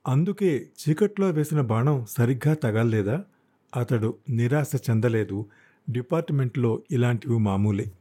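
A man narrating a thriller novel as an audiobook in a steady, dramatic storytelling manner. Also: mid-range voice, normal speed, breathy edge. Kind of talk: scripted narration.

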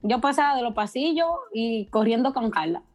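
A woman's voice: on the high side, moderate pace. A young woman, chatting and reminiscing casually as a student podcast guest. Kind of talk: casual chat.

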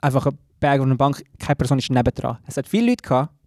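Young Swiss German man, casual co-host, rapid and rambling, bone-dry close sound, self-mocking storyteller. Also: mid-range voice, animated, a little mellow, no echo. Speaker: podcast co-host. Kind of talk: casual chat.

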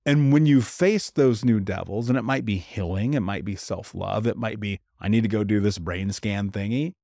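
A man's voice: lowish voice, moderate pace, vocal fry, mellow, no room sound, studio quality. A man in casual podcast conversation, talking candidly and with emphasis, dropping slang like dude and bro.

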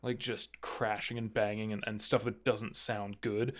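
A man's voice: fairly low pitch, little pitch movement, a little slow, very noisy. A man co-hosting a casual podcast, talking in a loose, rambling way and laughing often. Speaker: podcast co-host. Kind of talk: casual chat.

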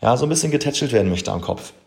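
A man's voice: mid-range voice, lively intonation, very fast, creaky, roomy sound. A man who works as a coach, talking earnestly and emphatically to his podcast listeners, addressing them directly and mixing in English phrases. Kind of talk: motivational podcast talk.

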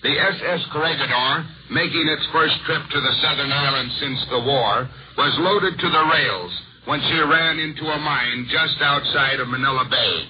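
A man's voice: on the high side, normal speed, hardly any pauses. A man reading a scripted war news report in the formal manner of an old-time radio announcer. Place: radio broadcast from overseas. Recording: noisy, muffled 1940s shortwave radio broadcast.

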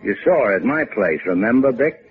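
An American actor in a 1950s radio drama plays a wry, cool, wisecracking adventurer who owns a boat and keeps a hotel, using a sardonic, casual drawl full of tough-guy slang in a mood of casual scheming. His male mid-range voice is expressive and brisk, lightly acted over soft background music. The old radio recording sounds muffled and phone-like.

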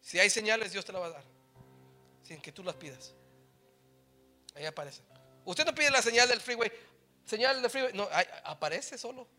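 Middle-aged preacher, high and very bright voice, shifts between quiet asides and loud calls, music under. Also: male voice, sing-song, moderate pace, long pauses. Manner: swings from soft asides to loud shouted exhortation; mixes English phrases into Spanish. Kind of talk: sermon.

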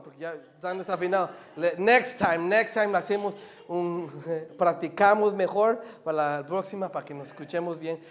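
A male pastor preaching a sermon in church, moving from quiet asides to loud, animated emphasis. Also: high voice. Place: church service with slides.

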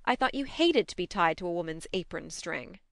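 A woman's voice: lowish voice, animated, a little fast, creaky, no echo, clean studio sound. Woman voicing a forthright, affectionate elder sister. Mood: brisk, bossy. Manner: admonishing, forthright. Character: brisk, bossy, affectionate young woman, tomboyish elder sister. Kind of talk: audiobook character dialogue.

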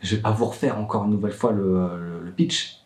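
A man's voice: on the low side, fairly quick, a little mellow, roomy sound, recorded from a distance. A young man, a worried father, telling his story in a hesitant vlog monologue full of fillers and restarts. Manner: hesitant, many fillers and restarts, rising when upset.

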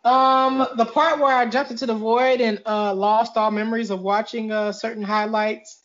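This podcast host's voice is high-pitched, fairly bright and steady, moving at a normal speed. He's having a loose, rambling review chat on a video call, poking fun at himself, and the call audio is dull and lo-fi.

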